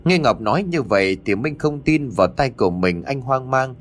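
A man narrating a ghost story in a measured, dramatic way. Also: medium pitch, lively intonation. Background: faint music.

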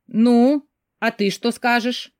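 A woman reading an audiobook, voicing a nosy, insistent older sister with a loud, pushy manner. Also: a little high, steady tone, slow, dry recording, studio quality, voice pushed up.

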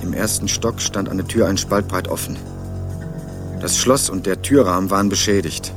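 Low-voiced and at normal speed, a young man lightly acts out a hard-boiled first-person narration for a radio crime drama. Sardonic and terse, he's on the trail of his missing cousin, and music sits beneath the recording.

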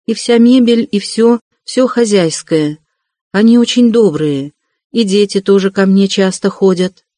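A man reading an audiobook, voicing a timid, gentle young woman in a raised, soft and fervent voice. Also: high-pitched, measured pace, no echo, clean studio sound. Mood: earnest.

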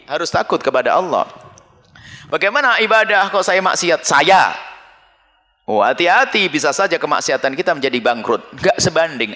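A man preaching to a live audience and answering their questions, with sharp leaps in pitch. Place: large hall with a live audience. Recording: long hall reverb over a PA.

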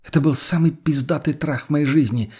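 Man putting on a brash shouting young woman. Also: on the high side, brisk, slightly rough, voice pushed up. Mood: rowdy. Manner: shouting, crude and cackling. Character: brash foul-mouthed young woman, wild and loud.

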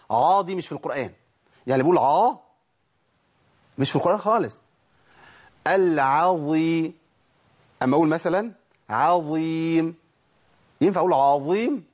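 Man, Egyptian accent, recitation teacher, rapid chatty delivery, slightly high voice, slow chanted examples. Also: breathy edge. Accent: Egyptian Arabic. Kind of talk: tajweed lesson.

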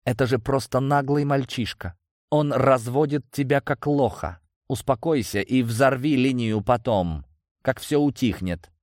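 A man's voice: medium pitch, measured pace, a little mellow, dry recording, studio quality, pitched above the performer's own voice, close to an everyday voice. A man voicing a cold, weary male enforcer who lectures and warns in a level voice. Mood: reproachful. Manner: cold, reproachful.

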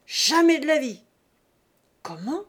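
A woman's voice: high-pitched, very animated, slow pace, pitched above the performer's own voice, full character voice. A ranting jealous young peasant, as a woman reads him. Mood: furious. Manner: shouting, ranting. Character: furious young male peasant, bitter and jealous.

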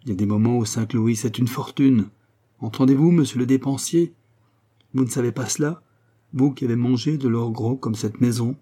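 A man reading an audiobook voices a scornful, sharp-tongued young mother, mocking and quick to anger. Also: medium pitch, breathy edge, lightly acted. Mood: angry. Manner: mocking, exasperated.

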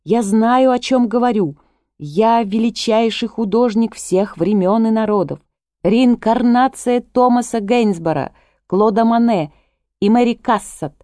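A woman voicing a desperate woman artist who shouts urgent warnings at a crowd, in a dry recording. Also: mid-range voice, moderate pace, hardly any pauses, no echo, pitched above the performer's own voice, natural voice. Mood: frantic.

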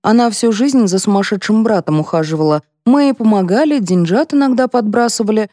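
A woman reading a composed elderly lady who speaks in a measured, reproachful way, in an audiobook. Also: mid-range voice, lively intonation, mellow, dry recording, studio quality, natural voice. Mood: explaining. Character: composed elderly lady, dignified, cool-headed.

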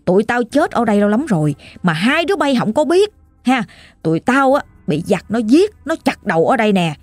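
A woman's voice: on the high side, sing-song, fairly quick, no room sound. A woman with a Southern Vietnamese accent voicing vengeful male ghosts who speak through an old man, harsh and accusing.

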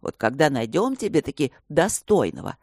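A woman's voice: low-pitched, sing-song, moderate pace, a little mellow, slightly rough, no echo, studio quality, heavily acted. A woman voicing a burly, overprotective fantasy father who grumbles in a tipsy, doting way. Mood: grumbling.

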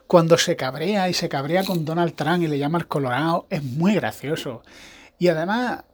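An evangelical pastor hosts a podcast, delivering a rambling, casual monologue full of restarts. His voice is on the high side, at a normal speed.

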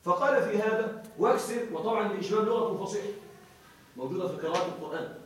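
A man teaching a grammar class, explaining slowly, repeating key words and checking that students follow. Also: high-pitched, expressive, a little hiss or hum. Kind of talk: classroom lecture. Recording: very echoey room, voice far from mic.

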